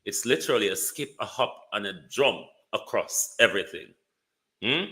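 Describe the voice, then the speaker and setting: A man with a Jamaican accent hosting a live political talk stream, speaking theatrically, moving between calm and indignant heat. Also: lowish voice, moderate pace. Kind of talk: live political commentary to viewers.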